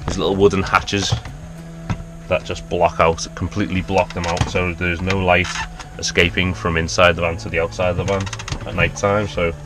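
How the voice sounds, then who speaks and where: Inside his small wooden camper van, a Liverpool man in his thirties gives a chatty tour at normal speed, his low voice level as he points out and explains each feature. The casual vlog narration is recorded close up on a handheld action camera, with a noisy background.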